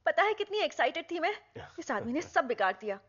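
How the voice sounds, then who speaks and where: A woman's voice: sits high, big pitch swings, fairly quick, fairly bright tone. A woman dubbing a wife who complains with exasperation. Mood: annoyed. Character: house-proud wife, upset and sharp. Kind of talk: Hindi film dub. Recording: dull film dub with music.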